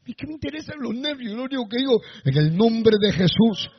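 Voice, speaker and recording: A man preaching a sermon in a very high, husky voice. He moves between soft, low-key storytelling and sudden shouted bursts to his congregation. The recording is dull and lo-fi. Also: sing-song, a little fast. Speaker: pastor. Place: church before a congregation.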